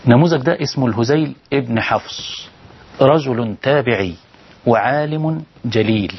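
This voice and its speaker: On a televised call-in show, a man with an Egyptian Arabic accent preaches, pleading with listeners and firing rhetorical questions at them. His voice is husky and mid-range at normal speed, and the audio is dull.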